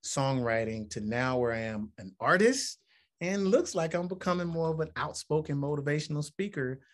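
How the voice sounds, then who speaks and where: A slightly high, animated voice at normal speed belongs to a man in his forties from Alabama, United States, a musician and motivational speaker. He answers interview questions earnestly and reflectively, building up to emphatic points.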